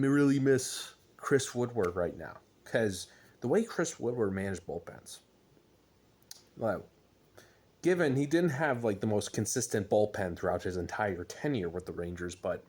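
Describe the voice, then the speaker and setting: Exasperated man ranting, pitch swinging widely. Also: husky. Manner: exasperated ranting with groans and emphatic bursts. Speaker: sports fan commentator. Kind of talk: casual sports rant.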